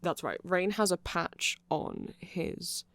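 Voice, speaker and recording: An ASMR audio creator speaks slowly in a medium-pitched, gravelly, fairly bright voice with huge pitch swings, recorded close-miked in a dry space with no room sound. The nerdy explanation is off-the-cuff and meandering, with asides and self-corrections throughout.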